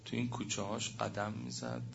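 Guy preaching a sermon, gravelly voice, swings loud then hushed, kinda muffled recording. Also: mid-range voice, level tone. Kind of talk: religious sermon with storytelling. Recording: muffled recording with faint noise.

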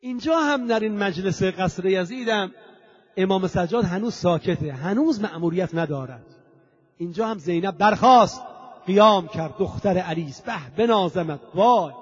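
A man preaching an impassioned mourning sermon at a religious center, dropping to a hush and rising to loud cries, chanting lines of verse. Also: high voice, slightly rough. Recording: dull lo-fi recording.

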